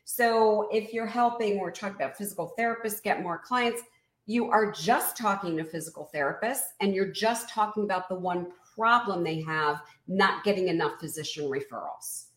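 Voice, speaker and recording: A woman business coach being interviewed, explaining her method in an energetic, emphatic teaching tone. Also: medium pitch, moderate pace, echoey room.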